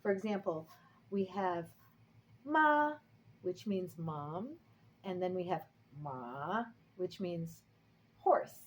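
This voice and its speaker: A woman's voice: on the low side, slow pace, a little mellow, slight background noise, rough recording. A woman whose first language is English, teaching a casual lesson in a chatty, upbeat way and singing out example tones. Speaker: language and tai chi teacher.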